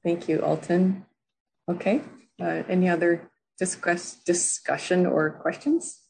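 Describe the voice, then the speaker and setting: A woman chairing a meeting, brisk and procedural with frequent ums. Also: fairly low pitch, fairly even intonation, creaky, darkish tone, a little hiss or hum, low-quality recording.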